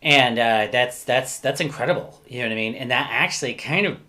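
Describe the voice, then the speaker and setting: A man's voice: mid-range voice, a little fast, pushed and bright. A man co-hosting a podcast, talking in a rambling, thinking-aloud way and often correcting himself mid-sentence. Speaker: podcast co-host. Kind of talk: casual podcast discussion.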